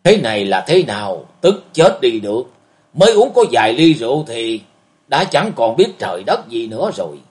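Angry fighter voiced by a man, indignant, loud, animated pitch. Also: normal speed, lightly acted. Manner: fuming, indignant. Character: angry hot-tempered male fighter.

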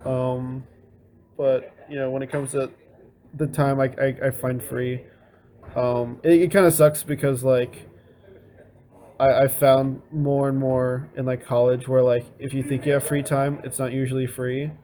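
A young college student answering an interview casually, rambling with lots of fillers. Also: male voice, medium pitch, flat delivery, a little slow, dark tone. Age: young adult.

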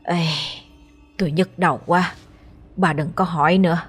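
A woman with a Southern Vietnamese accent voicing a tired, stubborn old male exorcist who talks gruffly and low-key. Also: fairly even intonation, normal speed, soft background music. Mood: weary.

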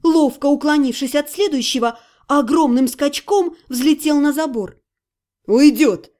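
A woman narrating a first-person fantasy audiobook in an expressive storytelling manner. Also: high voice, moderate pace. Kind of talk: scripted narration.

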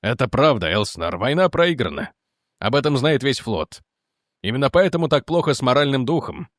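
A man voicing a weary general who speaks calmly and evenly. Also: dry recording, clean studio sound, lightly acted. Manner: calm, measured, low delivery. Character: weary, calm middle-aged male general.

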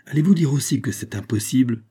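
A man voicing a furious, imperious young king who shouts his commands in an audiobook. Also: fairly low pitch, fairly even intonation, a little fast.

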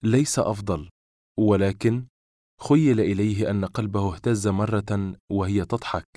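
A man reading a novel aloud as an audiobook narrator, in a measured, literary style. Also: lowish voice, warm tone, no room sound, clean studio sound.

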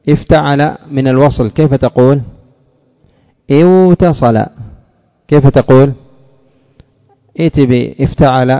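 A man teaching an Arabic grammar lesson, explaining step by step, asking rhetorical questions and drawling out example words slowly. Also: mid-range voice, creaky, mellow, in a large hall. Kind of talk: classroom lecture on grammar.

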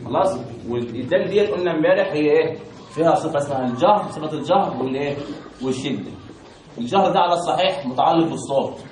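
An Egyptian man teaching Quran recitation in a quick, slightly high voice. He keeps asking questions and drills pronunciation call-and-response style. He sounds distant, as if recorded from far off in an echoey room. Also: darkish tone, slight background noise. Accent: Egyptian Arabic.

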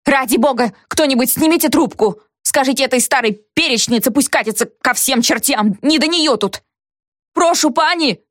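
A woman reading aloud and voicing a flustered, excitable man who shouts and stammers in a high voice. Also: moderate pace, dry recording, clean studio sound, close to an everyday voice. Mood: frantic.

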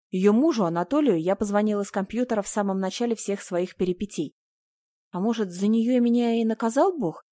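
A woman's voice: mid-range voice, mellow, no room sound, studio quality. Woman reading a first-person story. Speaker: audiobook narrator. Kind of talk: first-person audiobook narration.

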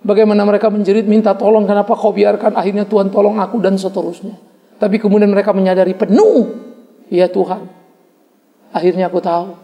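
A man preaching a sermon as a pastor, emphatic, with repeated refrains and sudden leaps in pitch. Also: a little mellow, long reverb tail.

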